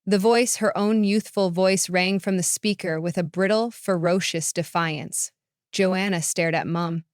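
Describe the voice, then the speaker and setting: A woman reads a short story aloud in a measured, even way. Her voice is lowish, smooth and clear. The sound is dry and close, with no room in it. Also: no echo. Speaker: narrator. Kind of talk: scripted narration of a short story.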